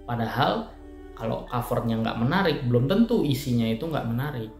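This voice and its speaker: A man's voice: medium pitch, animated, a little fast, creaky, darkish tone. A man giving a casual evening devotional talk in a church, explaining with everyday examples in a conversational way. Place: church room. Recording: echoey room with faint music.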